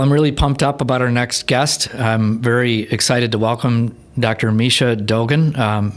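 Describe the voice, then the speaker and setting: A man hosting a podcast interview, introducing his guest with enthusiasm and the odd filler. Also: mid-range voice. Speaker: podcast host.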